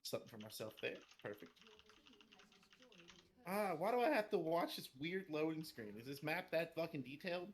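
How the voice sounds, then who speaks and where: A man's voice: a little high, animated, normal speed. Male game master: chatty, casual, runs the table. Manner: loose and chatty, swears casually, laughs often.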